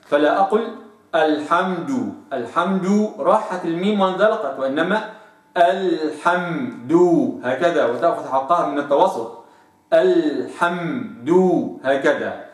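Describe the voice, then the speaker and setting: A man with an Egyptian accent teaching recitation, who explains each point and then drawls out sample sounds slowly in a lower voice. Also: distant mic. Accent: Egyptian Arabic. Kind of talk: tajweed lesson. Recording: echoey room, voice off-mic.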